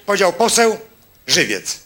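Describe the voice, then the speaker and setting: A male stand-up comedian on stage, delivering a mocking monologue with quick punchlines and asides to the audience. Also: sits high, big pitch swings, heavy background noise. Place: stage before a live audience.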